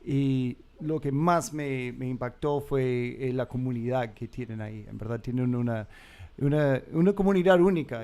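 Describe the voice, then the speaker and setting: Smooth-voiced man hosting a fair. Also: medium pitch. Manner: warm, hesitant, repeats phrases. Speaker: counselor hosting a university fair. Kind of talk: introducing a guest. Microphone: video call.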